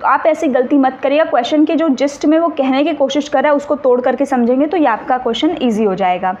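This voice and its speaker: A woman's voice: sits high, fast talker, darkish tone. A woman teacher giving an exam-prep lecture. She explains patiently and keeps checking whether her students follow. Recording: slightly dull recording, faint ambience.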